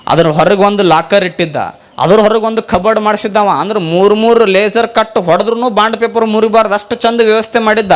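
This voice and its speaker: A man preaching a devotional sermon as a monk, with a North Karnataka Kannada accent, telling stories animatedly, rising high for punchlines and dropping low to reflect. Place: temple gathering.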